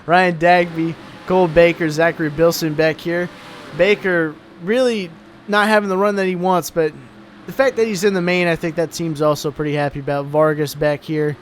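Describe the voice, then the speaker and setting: A young man calls an online truck race in a relaxed, drowsy way. His voice sits a little high. A faint hum of noise runs under the recording. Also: normal speed. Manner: laid-back, tired, yawning between calls. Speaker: race commentator. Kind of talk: casual sim-racing commentary.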